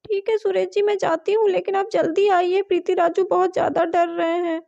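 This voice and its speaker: A woman's voice: very high-pitched, flat delivery, brisk, vocal fry, mellow, no echo. A woman voicing a worried, caring mother in a doll story, talking urgently. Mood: anxious, urgent. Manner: urgent, fussing. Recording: dull dry home recording.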